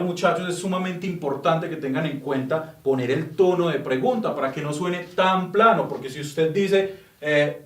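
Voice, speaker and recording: A man giving a patient, explanatory English grammar lesson, repeating example sentences slowly. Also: a little high, reverberant, recorded from a distance. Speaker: English teacher.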